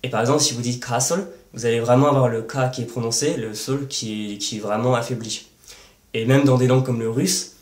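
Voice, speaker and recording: A man's voice: medium pitch, a little mellow, echoey room. A man hosting a language-learning lesson, explaining step by step with worked examples and frequent hesitation fillers. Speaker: language-learning channel host.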